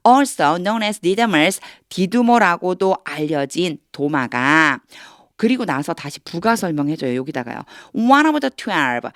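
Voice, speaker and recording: A woman's voice: fairly low pitch, no room sound, clean studio sound. A woman teaching English through Bible reading, explaining each phrase patiently and repeating words to drill pronunciation.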